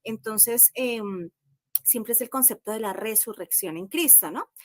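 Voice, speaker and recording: A woman's voice: a little high, no room sound. Reflective Colombian woman, dry sound. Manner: reflective, measured, with many pauses. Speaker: panel guest. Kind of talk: live-stream discussion.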